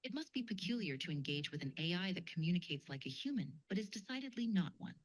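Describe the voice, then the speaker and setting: A synthesized clone of a woman's voice, used for a polite female AI program that hosts a futures game and talks in a measured, formal, analytical way. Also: on the low side, very animated.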